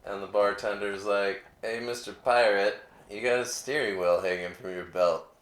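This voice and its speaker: A man's voice: lowish voice, fairly even intonation, moderate pace, roomy sound. A man and parent talking bluntly and casually in a family conversation, swearing freely. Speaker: parent and co-host.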